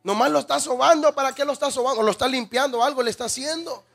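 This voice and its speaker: A man's voice: very high voice, fast, vocal fry, a bit bright. A man preaching a sermon, firing rhetorical questions at the congregation, calling them brother and acting out little scenes. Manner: rhetorical questions, calls listeners "hermano", acts out scenes.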